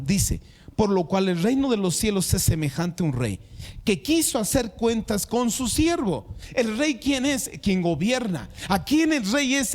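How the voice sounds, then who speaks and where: A man's voice: sits high, a little mellow. A male pastor preaching a sermon who addresses the congregation directly and repeats words for emphasis.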